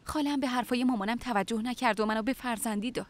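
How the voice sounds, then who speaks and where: A woman's voice: fairly high pitch, lightly acted. A woman dubbing a drama role, talking in an earnest, firm, pleading way about raising her young cousin. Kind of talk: dubbed TV drama dialogue.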